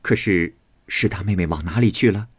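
A man's voice: low-pitched, normal speed, husky, no room sound. A man voicing a flustered placating noblewoman.

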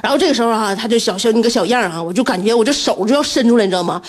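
A woman, a radio host telling a story in an animated way and laughing often. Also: very fast. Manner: animated, laughing often, breaks into shrill scolding.

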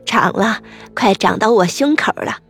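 A woman's voice: mid-range voice, animated, normal speed, faint music behind. A woman voicing a kindly grandmother. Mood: gentle. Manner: gentle and caring. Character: kindly elderly woman running a wonton stall.

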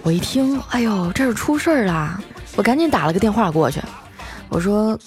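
Lively, chatty woman telling stories. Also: medium pitch. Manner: chatty, drawn-out sentence-final particles. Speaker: streaming host. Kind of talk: comic storytelling monologue. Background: background music.

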